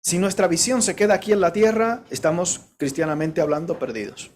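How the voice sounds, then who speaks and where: A man's voice: high-pitched, animated, brisk, a little mellow. A male pastor preaching a sermon, emphatic, warning his listeners directly and asking them rhetorical questions.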